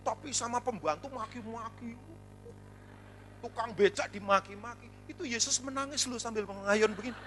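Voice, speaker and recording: A man pastor preaching a sermon, telling funny stories in an animated way. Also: very high-pitched, moderate pace, soft background music. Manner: animated storytelling with jokes.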